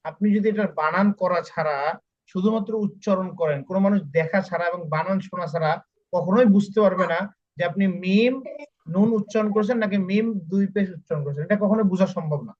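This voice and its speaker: High-voiced patient male Quran teacher. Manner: patient, repeats each spelling slowly for students. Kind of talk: online class, spelling out letters. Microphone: online call audio. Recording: muffled lo-fi call audio.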